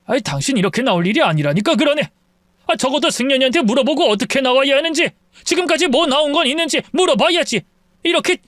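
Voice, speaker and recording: A man voicing a cautious middle-aged father-in-law who urges calm in a hushed, urgent way. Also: extremely high pitch, quick pace, no room sound, studio quality, voice pushed up. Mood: urgent hushing.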